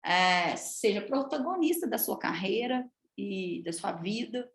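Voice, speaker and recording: A woman from Minas Gerais with a Minas Gerais accent, a public speaking coach giving a lively, chatty live talk and addressing the audience often. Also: medium pitch, a little slow, reverberant. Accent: Minas Gerais Portuguese. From Minas Gerais, Brazil. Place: room with an audience.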